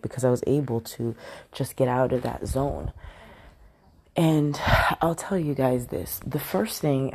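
A woman's voice: extremely low pitch, vocal fry, warm tone. A woman hosting a motivational podcast from a large bathroom, upbeat and repetitive with lots of fillers, sounding groggy with a morning voice from a slight cold. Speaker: podcast host.

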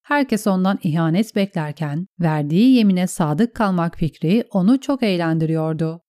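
A woman narrating a fantasy audiobook in a steady storytelling manner. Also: on the low side, normal speed, no room sound, clean studio sound.

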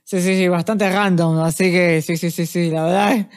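Una mujer con acento uruguayo que conduce una charla informal, bromea y repite palabras en tono juguetón. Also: female voice, fairly low pitch, steady tone. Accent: Uruguayan Spanish. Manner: slow, joking, playful repetitions. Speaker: host. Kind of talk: casual podcast chat.

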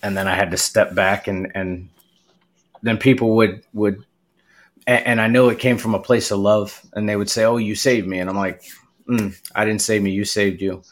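A man's voice: on the low side, little pitch movement, normal speed. A man hosting a podcast interview, speaking reflectively with short backchannels and repeated restarts. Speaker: podcast host. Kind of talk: casual interview chat.

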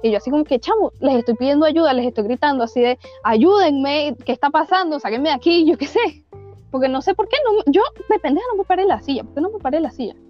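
A woman's voice: high-pitched, expressive, very fast. A young woman with a Venezuelan accent tells a ghost story in casual, slangy chat, full of fillers and restarts. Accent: Venezuelan Spanish. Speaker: podcast storyteller. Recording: dull lo-fi recording with faint music.

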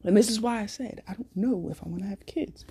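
A woman's voice: mid-range voice, fast talker, warm tone, slightly rough. A woman hosting a casual solo podcast, speaking bluntly and cursing a lot as she tells a story with speech. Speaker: podcast host.

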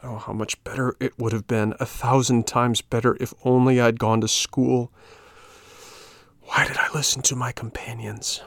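A man's voice: mid-range voice, flat delivery, normal speed, gravelly, a bit bright, dry recording, studio quality. A man voicing a frightened, tearful wooden puppet boy who pleads breathlessly in a storybook reading. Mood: despairing.

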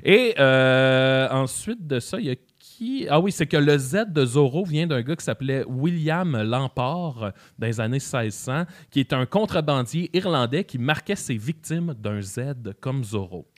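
A man's voice: medium pitch, unhurried, hardly any pauses. A man with a Québécois accent presenting his segment on a talk show in a casual, chatty way, with many fillers and restarts. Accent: Québécois French. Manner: animated, hesitant with many fillers. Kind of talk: casual chat.

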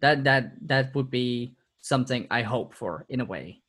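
A man's voice: mid-range voice, normal speed, fairly bright tone. A man talking as a podcast guest in casual interview chat, reflective, laughing often and repeating words as he restarts.

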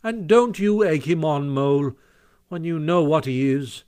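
A sensible water rat from a storybook, voiced by a man, slightly high in pitch. He sounds practical and patient, gently chiding as he talks. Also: animated, unhurried, clean tone. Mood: exasperated. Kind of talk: storybook character voice.

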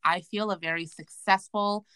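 Bright, animated woman podcast host. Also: mid-range voice, moderate pace, smooth, dry recording. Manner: animated, slangy and profane. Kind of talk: casual podcast chat. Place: bathroom, at home. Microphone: remote recording.

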